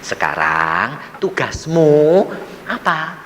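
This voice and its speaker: A low coaxing devil, as a preacher puts him on. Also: male voice, wildly swooping pitch, drawn-out words, a bit bright, in a large hall, slight background noise, exaggerated voice. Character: calm tempting male devil disguised as God.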